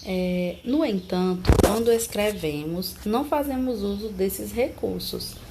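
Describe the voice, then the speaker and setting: A Brazilian woman with a medium-pitched voice teaches a recorded online class, explaining slowly, repeating examples, and checking in with tag questions. The audio is very noisy.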